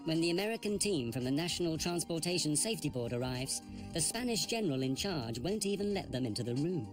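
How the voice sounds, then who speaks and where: A man reads documentary narration in a measured, grave tone. His voice sits a little high for a man. Music plays clearly under him. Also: lively intonation.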